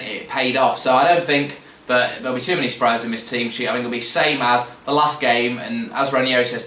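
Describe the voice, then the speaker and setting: A man's voice: mid-range voice, pushed and bright. A man hosting a football preview show, talking casually and rambling with restarts and fillers. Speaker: fan podcast host. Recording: roomy echo, mic at a distance, faint background noise.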